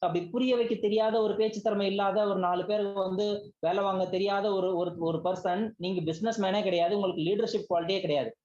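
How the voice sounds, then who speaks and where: Rapid-fire scolding man. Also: high-pitched, a little mellow. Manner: rapid, scolding, full of rhetorical check-ins. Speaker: business team leader. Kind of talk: motivational sales pep talk. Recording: slightly dull lo-fi recording.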